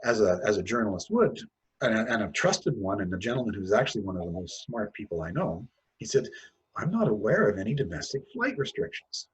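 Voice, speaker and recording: A man's voice: lowish voice, big pitch swings, fairly quick, breathy edge, rough recording. A Canadian man giving an interview, talking candidly with many halts and restarts. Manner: hesitant, restarts often, self-deprecating. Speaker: interview guest.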